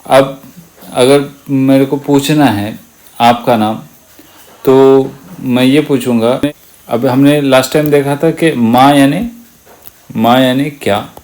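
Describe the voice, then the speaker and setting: A man gives an online Arabic lesson at a very unhurried pace. His voice sits at an ordinary middle pitch. He patiently repeats every word and turns to ask the listener to echo it. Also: a little mellow. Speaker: Arabic teacher.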